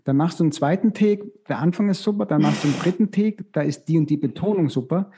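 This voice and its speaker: A man's voice: on the high side, fast, warm tone, a little hiss or hum. A man who works in casting, talking casually and reflectively, giving practical advice with frequent restarts. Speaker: casting director. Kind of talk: casual expert discussion.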